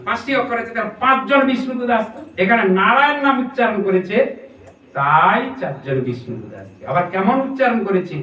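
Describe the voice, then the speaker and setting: A man's voice: high-pitched, animated, brisk, sharp tone. A man preaching a scripture sermon, explaining step by step and asking his listeners rhetorical questions. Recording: echoey room, distant mic, faint noise.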